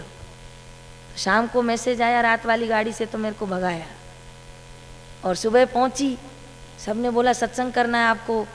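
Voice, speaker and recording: A woman giving a devotional satsang talk, telling a story about her guru and quoting his words. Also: fairly high pitch. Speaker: satsang speaker. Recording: long hall reverb with faint hum.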